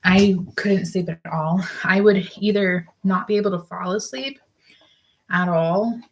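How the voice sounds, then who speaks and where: Gravelly, breathless young woman chatting while sewing. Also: mid-range voice, unhurried, poor audio. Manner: rambling, chatty, many fillers. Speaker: sewing vlogger. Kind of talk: casual work-along chat.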